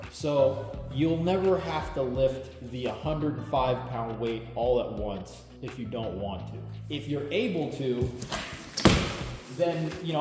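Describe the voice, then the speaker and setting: A relaxed, chatty man explains a product in a garage that rings with a big hall-like echo. His voice sits at an ordinary pitch, caught on a camera mic. Music plays clearly in the background. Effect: big echoey room sound from a garage. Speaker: product reviewer. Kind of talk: casual unboxing walkthrough. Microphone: camera mic, lapel mic dead. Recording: echoey garage with music behind.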